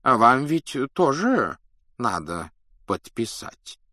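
A man doing an old wizard, calm and wry. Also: medium pitch, no echo, studio quality, full character voice. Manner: measured, gently mocking. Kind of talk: audiobook reading.

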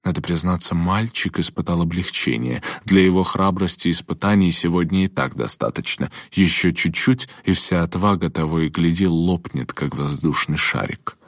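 A man narrating an audiobook chapter in a measured, steady storytelling manner. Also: deep voice, vocal fry, dry recording, clean studio sound. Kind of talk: scripted narration.

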